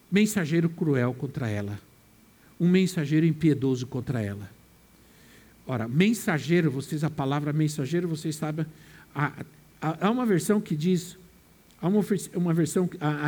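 High-voiced man preaching a sermon. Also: a little mellow. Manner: repeats phrases, restarts and asks rhetorical questions. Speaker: pastor.

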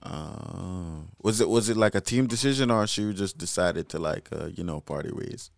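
A man interviewing a guest in a casual chat, asking halting questions full of restarts and fillers. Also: deep voice, expressive, vocal fry, no room sound, studio quality, soft background music.

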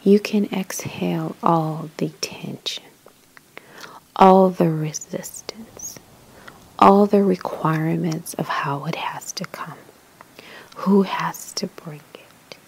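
A woman leading a guided meditation in a soft, whispery spa-like voice, soothing and measured, with pauses between short phrases. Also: on the low side, fairly even intonation, vocal fry, slightly rough, poor audio.

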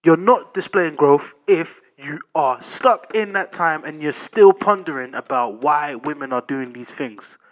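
A man's voice: a little high, unhurried, hardly any pauses. A man with a London accent hosting a casual podcast, emphatic and repetitive in his slangy talk. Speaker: podcast host.

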